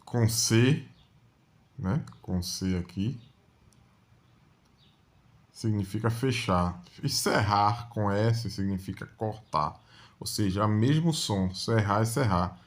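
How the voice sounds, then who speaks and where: Guy teaching grammar, slow, lowish voice, keeps saying né. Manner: explains slowly with frequent "né?" checks. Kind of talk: exam-prep grammar lesson.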